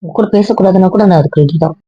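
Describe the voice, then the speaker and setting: A woman's voice: on the low side, racing, breathy edge, no room sound. A woman playing an exasperated young wife in an amateur audio drama, reproachful and pleading with her husband. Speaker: wife character. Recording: dull, dry lo-fi recording.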